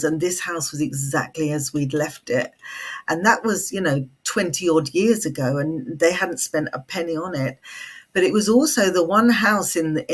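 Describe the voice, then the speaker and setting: A middle-aged British woman telling a personal ghost story in conversation, fireside storytelling with deliberate pauses and repeated phrases. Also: sits low, breathy edge. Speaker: guest, psychic storyteller and Feng Shui consultant.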